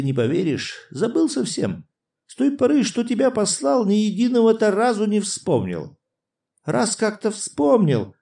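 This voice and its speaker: A man's voice: high-pitched, dark tone, voice pushed up. A man reading an audiobook, voicing a boisterous, laughing older prince who exclaims and teases. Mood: jovial. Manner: exclaiming, guffawing, teasing. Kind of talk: audiobook character voice.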